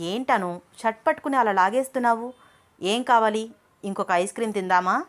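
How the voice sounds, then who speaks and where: A woman's voice: a little high, a little fast, natural voice. A charming young husband, romantic and teasing, coaxing his shy wife in a storybook romance, as a female narrator reads him. The delivery stays close to her own medium voice.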